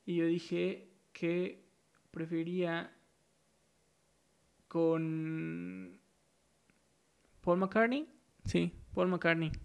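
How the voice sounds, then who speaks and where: Gravelly man hosting a podcast. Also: on the high side, fairly even intonation, extremely slow, long pauses. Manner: rambling, loose, with many fillers and restarts. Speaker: podcast host. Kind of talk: casual solo podcast monologue.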